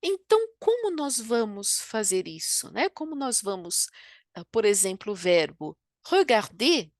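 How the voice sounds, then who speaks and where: A woman's voice: medium pitch, very animated, a little slow, a little mellow, no echo, studio quality. A woman from Brazil with a Brazilian Portuguese accent, teaching French pronunciation in an online lesson and often checking in with tag questions. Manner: explanatory, frequent tag questions. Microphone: computer microphone while drawing with a mouse.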